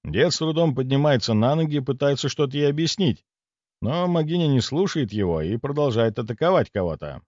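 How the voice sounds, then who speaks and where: A man narrating a fantasy audiobook in the first person, expressive and storytelling. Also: medium pitch, fairly quick, dry recording, dull audio.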